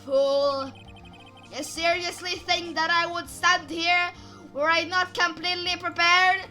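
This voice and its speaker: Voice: sits high, measured pace, fairly bright tone, soft background music. A player voicing an arrogant old male prosecutor who talks down to everyone. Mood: scornful. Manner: scornful, commanding. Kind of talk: fan voice-over of a game.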